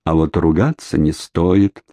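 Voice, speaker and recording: A man reading an audiobook, voicing a calm, mocking male captor in an unhurried way. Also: low-pitched, dry recording, clean studio sound.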